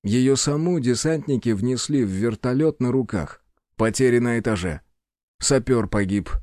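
A man narrating an action story in a measured, dramatic reading. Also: medium pitch, a little mellow, no room sound, clean studio sound. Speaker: audiobook narrator. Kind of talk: scripted narration.

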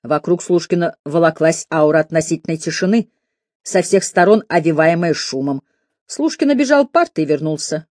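A woman with a low voice narrating an audiobook. Her reading is expressive, with pitch that rises and falls a lot. The recording is close and dry, with no room echo. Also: normal speed.

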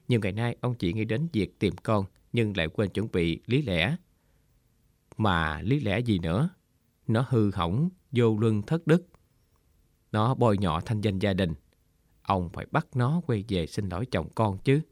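A man narrating a short story in a measured, solemn storytelling voice. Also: fairly low pitch, no room sound. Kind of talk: scripted audiobook narration. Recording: dry studio with faint guitar music.

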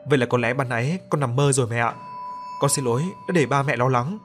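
A man's voice: mid-range voice, quick pace, soft background music, natural voice. A man voicing Vi, a kind young woman patient. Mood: anxious. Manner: pleading, anxious in alarm.

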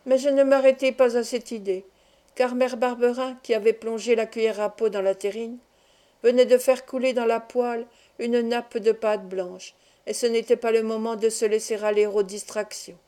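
A woman reading a classic novel aloud as an audiobook, in steady, measured storytelling. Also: on the high side. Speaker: audiobook reader. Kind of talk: scripted narration of a novel.

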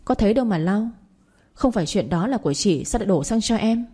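A woman's voice: fairly low pitch, animated, moderate pace, mellow, breathy edge. A woman voicing a rude young sister-in-law who answers with scorn. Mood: scornful. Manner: scornful, defiant. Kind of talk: audio story reading.

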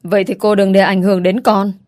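A woman's voice: mid-range voice, level tone, brisk, darkish tone, natural voice. A woman voicing a harsh, scornful father who snaps and sneers.

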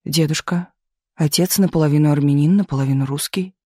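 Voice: medium pitch, brisk, darkish tone, no room sound, clean studio sound, close to an everyday voice. A reader voicing a polite, earnest young writer. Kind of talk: audiobook character voice.

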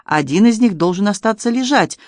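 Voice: medium pitch, animated, fairly quick, dry recording, pitched above the performer's own voice, lightly acted. Brief: narrator doing a knowing, ironic detective, dry close audiobook sound. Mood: wry.

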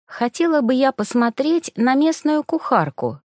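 A woman's voice: high voice, big pitch swings, normal speed, darkish tone, dry recording, clean studio sound, voice pushed up. A woman voicing a grumbling young female student in an audiobook. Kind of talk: audiobook character voice.

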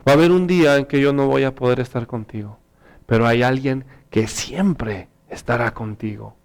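A man playing a patient father who quietly reassures his frightened son. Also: on the high side, natural voice. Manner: soft, hushed, reassuring.

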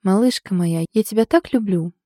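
A woman's voice: medium pitch, moderate pace, mellow, no room sound, lightly acted. A woman reading a wry teasing husband. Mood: wry fond. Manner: dry, ironic, affectionate. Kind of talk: audiobook character reading.

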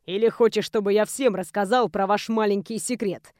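Brief: woman voicing a lewd, taunting young male bully in a storybook, pushed lower and with a thicker, altered timbre. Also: steady tone, moderate pace, darkish tone, no echo, studio quality, close to an everyday voice. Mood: sneering threatening. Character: arrogant blond male student, crude blackmailing bully.

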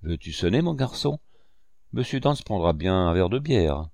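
A haughty, quick-tempered squire booms through a classic storybook, read by a man. His voice sits low, and his phrases rise and fall widely. The recording is close and dry. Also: very animated, vocal fry, a little mellow, dry recording, exaggerated voice. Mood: hearty. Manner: exclaiming, grandiose. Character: big hot-tempered haughty English squire.

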